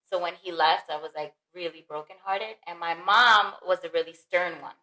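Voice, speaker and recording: Earnest mother with a bright, lowish voice. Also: moderate pace. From the Bronx, New York. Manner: earnest, reflective, heartfelt. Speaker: mother and podcast guest. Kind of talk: casual family podcast chat. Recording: roomy echo.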